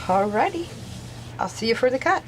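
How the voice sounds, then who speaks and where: A woman's voice: a little high, very animated, moderate pace, slight background noise, low-quality recording. A woman chatting casually as she narrates her own craft video, musing to herself in short, offhand phrases. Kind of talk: casual craft vlog chat, thinking aloud.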